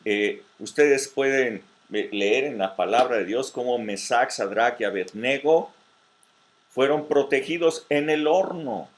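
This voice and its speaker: A man's voice: mid-range voice, a little slow. A man pastor leading a virtual Bible study sermon, with many hesitations and repeated words, who checks in with his listeners. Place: virtual meeting.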